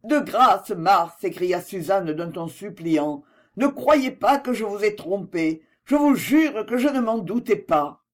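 A reader voicing a dignified young woman in an audiobook, speaking in a higher, earnest, pleading tone. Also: big pitch swings, a little slow, few pauses. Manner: pleading, low and effortful. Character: dignified young woman, frightened but proud. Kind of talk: audiobook dialogue reading.

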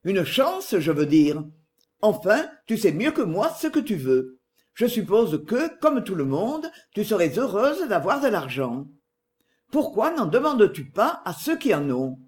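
A reader voicing a calm, enigmatic man who speaks softly and insinuatingly, in an audiobook. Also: sits high, a little slow. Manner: soft-spoken, calm, insinuating. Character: calm, enigmatic man, a gently scheming brother. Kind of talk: audiobook dialogue.

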